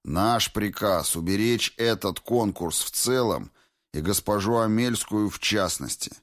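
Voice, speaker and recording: A man's voice: lowish voice, measured pace. A man doing a cold, clipped commander. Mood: commanding. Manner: curt, commanding.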